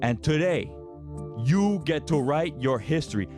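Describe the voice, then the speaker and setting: Brash young superfan played by a man, Miami Cuban-American accent, higher-pitched, booming motivational hype speech over prominent music. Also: expressive, unhurried. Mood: fired-up, defiant. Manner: emphatic, dramatic build-ups, slangy Spanglish. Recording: background music under the voice.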